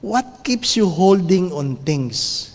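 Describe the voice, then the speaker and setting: A priest giving a sermon, playful and animated, firing off rhetorical questions to the congregation. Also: male voice, high voice, takes it slowly, big-room sound.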